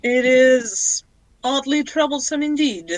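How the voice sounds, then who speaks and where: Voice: high-pitched, takes it slowly, poor audio. A player voicing a formal, literal-minded, unflappable robot companion in a tabletop role-play. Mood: polite, stiff. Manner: stiff, formal, precise.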